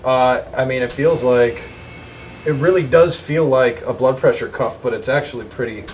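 A man's voice: medium pitch, normal speed, slight background noise. A man hosting a health show, chatting casually and describing what he feels. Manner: curious and upbeat, describes sensations aloud. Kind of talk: casual on-site chat.

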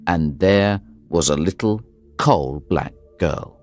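Deep-voiced man narrating a story. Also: takes it slowly. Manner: steady, clear storytelling. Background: soft music.

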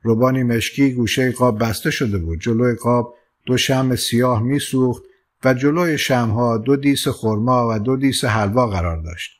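A male audiobook narrator telling a literary story in a calm, measured way. His voice sits at an ordinary middle pitch for a man, and his pacing stays steady and unhurried. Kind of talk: scripted narration.

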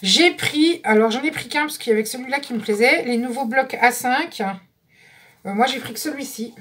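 A woman's voice: fairly high pitch, normal speed, a bit bright, slight background noise. A woman vlogger chatting casually through a craft supply haul, describing each item one by one and correcting herself as she goes. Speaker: scrapbooking vlogger.

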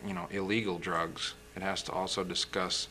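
A young man with a low voice and a bright, forceful edge explains things in a steady, measured way as a studio interview guest. A faint hiss of old TV film sits under his voice. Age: young adult. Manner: measured, explanatory, occasional throat-clearing. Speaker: physician guest. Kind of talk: interview answers.

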